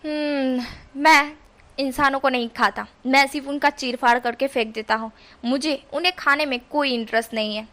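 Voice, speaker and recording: A woman's voice: high voice, fairly even intonation, normal speed, a bit bright. A woman putting on a grumpy young wolf-man. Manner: scornful, curt, rough street slang.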